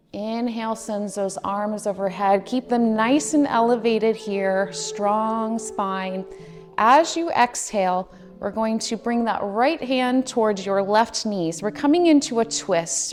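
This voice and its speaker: A woman in her thirties guiding a somatic yoga meditation as instructor, in a gentle, measured, soothing manner with drawn-out phrases. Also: mid-range voice. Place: indoors, decorated studio room. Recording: reverberant hall sound with faint music. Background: faint music.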